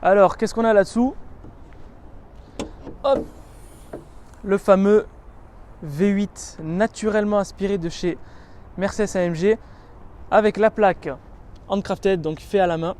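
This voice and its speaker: High-voiced man presenting a car. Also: unhurried, pauses often, darkish tone, smooth. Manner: chatty and descriptive, listing features with many connecting "donc"s and "euh"s. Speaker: car reviewer. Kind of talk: casual walkaround presentation of a car.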